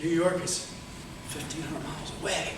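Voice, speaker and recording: High-voiced man telling a folksy tall tale, echoey room. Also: fairly even intonation. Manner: theatrical, with dramatic pauses and exclamations. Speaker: contestant in a tall tales speech contest. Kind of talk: folksy tall tale, comic storytelling to a live audience. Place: indoor room with a live audience. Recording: echoey, noisy room, distant mic.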